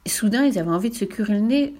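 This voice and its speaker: A woman's voice: medium pitch, animated, very fast, dark tone, natural voice. Fifi, a woman doing a cheeky little girl. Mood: boastful. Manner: brash, playful, makes up tall tales. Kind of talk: storybook read-aloud.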